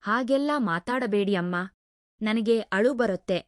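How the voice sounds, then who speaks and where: A woman's voice: medium pitch, measured pace, no echo, studio quality, close to an everyday voice. A woman voicing a caring young female housemaid who speaks in a soothing, coaxing way. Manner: soothing, pleading.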